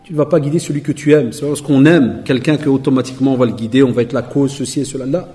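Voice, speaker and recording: A man's voice: medium pitch, steady tone, fast talker, dark tone. A Belgian man in his forties giving a sermon to a live audience, telling stories and acting out the lines of other people, joking with the crowd. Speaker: preacher. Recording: echoey hall recording.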